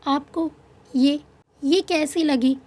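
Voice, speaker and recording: A woman's voice: high-pitched, steady tone, takes it slowly, darkish tone. A woman voicing a tearful, frightened young woman in a storybook love tale, speaking with a trembling, pleading tone. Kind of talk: storybook narration with voiced dialogue.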